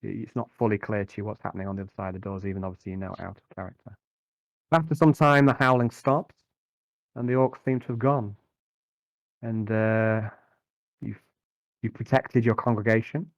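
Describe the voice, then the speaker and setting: A man narrating a tabletop game as game master, improvising in a conversational, halting way and often repeating words. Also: on the low side, no room sound, dull audio.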